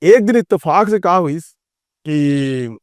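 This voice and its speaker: Rambling Chhattisgarhi man, slightly high. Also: takes it slowly, clean tone, no echo, clean studio sound. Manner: rambling, animated, acts out quoted dialogue. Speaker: filmmaker and theatre actor. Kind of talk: casual storytelling in an interview.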